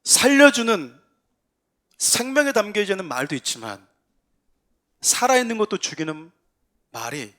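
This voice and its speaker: A pastor giving a Sunday sermon, earnest and emphatic, mixing calm explanation with lively quoted voices. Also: male voice, high voice, moderate pace, long pauses. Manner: earnest, rising to emphatic exhortation with acted quotes. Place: church sanctuary.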